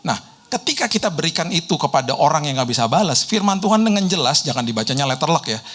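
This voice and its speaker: A middle-aged male pastor, his voice sitting a little higher than most men's. He preaches in a lively storytelling way, slipping into other people's voices and chuckling as he goes. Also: fast talker. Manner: lively storyteller, mimics people in quotes, laughs often. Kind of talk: sermon with personal anecdotes.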